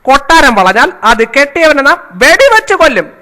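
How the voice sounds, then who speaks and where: A pompous, bumbling king, played by a man, speaks in a very high, bright voice. He swings his pitch all over while delivering puns in a comedy skit. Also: sing-song, fairly quick. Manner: pompous, punning, exaggerated. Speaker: comic performer playing a king.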